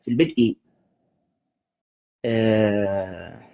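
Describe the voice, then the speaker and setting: A sheikh debating religion presses his opponent with repeated, insistent questions and sarcastic jabs in a mocking manner. His voice is low and dark with vocal fry, and he speaks very slowly.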